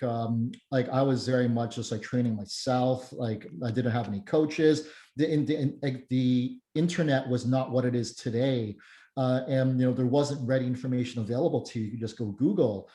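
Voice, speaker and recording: A man in his mid-thirties talks loosely through a podcast chat, circling back and restarting his sentences. His voice is mellow and a little dark, and it carries a roomy echo. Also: mid-range voice, normal speed. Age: 30s. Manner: rambling, many restarts and fillers. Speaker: strength coach and guest.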